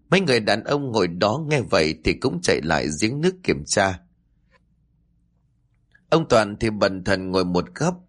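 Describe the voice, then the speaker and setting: A man narrating a ghost story in a dramatic, expressive scripted style. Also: lowish voice.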